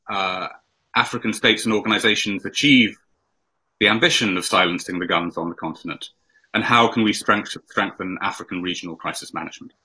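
A middle-aged man from Finland moderating an online panel over a video call, measured and steady with frequent 'uh' and 'um'. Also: sits low. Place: home room, indoors.

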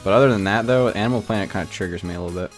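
A young man chatting casually on a gaming livestream, rambling with lots of "like" and ranting in an animated way. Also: lowish voice, very fast, soft background music. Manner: rambling, heavy use of filler "like", animated ranting.

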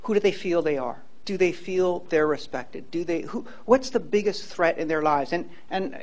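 A man's voice: on the high side, normal speed. A man in his fifties speaks to a lecture hall crowd through a handheld microphone. He is earnest and emphatic, stacking repeated words as he builds each point. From Hawaii. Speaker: law professor giving a public lecture. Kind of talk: public lecture and Q&A. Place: large lecture hall, indoors.

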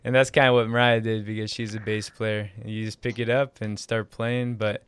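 Young man, pastor, podcast co-host, earnest prayer, low flat voice, close dry mic. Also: normal speed, smooth, no room sound. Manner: earnest, with frequent fillers in prayer. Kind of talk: prayer and casual podcast chat. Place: small studio. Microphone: studio mic close up.

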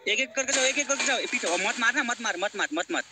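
A man's voice: extremely high pitch, expressive, fast talker. A young man from Nepal giving urgent, repeated commands to his teammates in live gaming voice chat. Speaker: gamer leading his squad. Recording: loud game noise behind.

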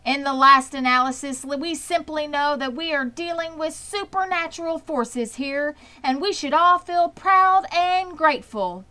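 A woman voicing a pompous, grandiose fairground loudspeaker announcer in a children's storybook, projecting and declaiming. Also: high-pitched, unhurried, hardly any pauses, voice pushed up. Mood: grandiose, proud.

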